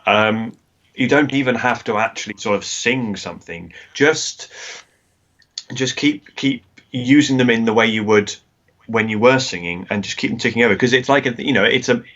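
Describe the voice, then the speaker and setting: A man's voice: medium pitch, normal speed, a bit bright, dull audio. A male singer and singing teacher, a guest on a video-call interview, explaining technique with many restarts and fillers.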